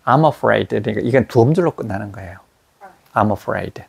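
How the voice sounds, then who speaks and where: A man lecturing in a small classroom, his voice gravelly and husky. His pitch moves in a lively way as he slowly repeats English words aloud so students can hear each sound. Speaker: English teacher.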